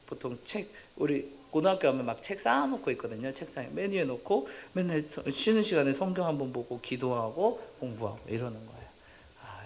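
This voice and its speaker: Lively storytelling male pastor. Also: medium pitch. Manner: lively storytelling, acts out dialogue; humorous, laughs at own stories. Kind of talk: sermon with personal testimony. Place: church sanctuary.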